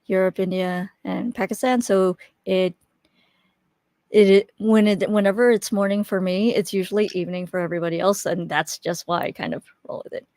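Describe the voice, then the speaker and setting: A woman's voice: medium pitch, fairly even intonation, moderate pace, darkish tone, no room sound, clean studio sound. A young woman hosting a live webinar, chatting casually on a USB desk mic with lots of fillers and restarts while waiting for viewers to arrive. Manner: chatty, friendly, filler-heavy with frequent restarts. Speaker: webinar host. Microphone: USB desk microphone.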